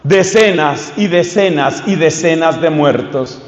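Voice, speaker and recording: A man, a priest preaching a fervent sermon that rises to loud calls and leads the crowd in repeated chants. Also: on the high side, slow pace. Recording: echoey hall, dull sound.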